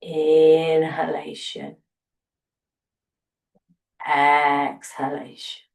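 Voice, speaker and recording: A woman softly guiding a breathing meditation, slow and soothing with long pauses. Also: sits low, echoey room, recorded from a distance. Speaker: breathwork teacher.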